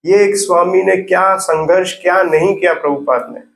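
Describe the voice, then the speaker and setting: A man's voice: sits high, normal speed, vocal fry, reverberant, a little hiss or hum, low-quality recording. A man giving a devotional sermon, telling stories with rhetorical questions. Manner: animated storytelling, rhetorical questions. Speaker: preacher.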